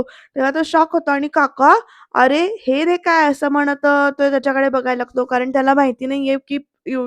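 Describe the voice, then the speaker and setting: A woman retells a TV serial episode in a voice-over, quoting each character's lines one after another. Her voice sits high but stays fairly level in tone. The recording is dry and close. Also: dry recording, muffled recording.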